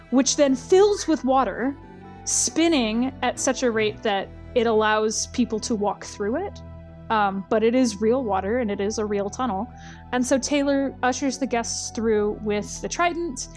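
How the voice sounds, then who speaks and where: A woman's voice: a little high, a little mellow. A woman casually recapping a storyline, wry and chatty, with lots of ums and uhs.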